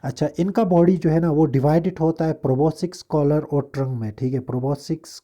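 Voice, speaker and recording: एक पुरुष जीवविज्ञान शिक्षक, जो हिंदी और अंग्रेज़ी मिलाकर लेक्चर देता है, बातें दोहराता है और बार-बार "ठीक है" कहता है।. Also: male voice, fairly high pitch, warm tone. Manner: repeats points, constant "theek hai" checks; slows down to read English lines from a diagram. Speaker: biology teacher. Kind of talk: classroom lecture mixing Hindi and English.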